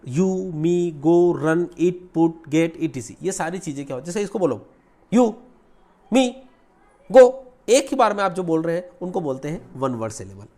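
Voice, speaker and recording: A man teaching English grammar in Hindi, mixing in English terms and repeating key words slowly. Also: fairly high pitch. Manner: lively teacherly delivery, asks and answers own questions.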